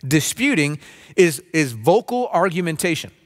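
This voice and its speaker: A man in his forties preaching a sermon from a stage, earnest and conversational, often restarting phrases and mimicking a low grumble. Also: sing-song, normal speed. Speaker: pastor. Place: dim stage with spotlights, seated at small table.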